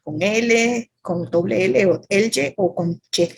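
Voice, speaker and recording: A woman's voice: mid-range voice, slow, vocal fry, slight background noise. A woman with a Venezuelan accent teaching a writing workshop over a video call, chatty and playful, with asides to her students.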